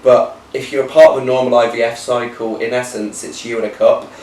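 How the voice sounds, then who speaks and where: A man's voice: medium pitch, flat delivery, a little fast, a little mellow, recorded from a distance. A man in his thirties from the UK, chatting casually as a co-host with a middling voice. He talks loosely, teasing and thinking aloud. He sits back from the mic in a roomy space with faint hiss behind him. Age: 30s. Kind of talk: casual chat.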